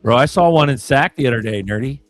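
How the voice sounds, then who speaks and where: A man's voice: mid-range voice, animated, quick pace, dry recording, soft background music. A man on a casual livestream chat, talking in a laid-back, slangy way and swearing casually. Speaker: co-host.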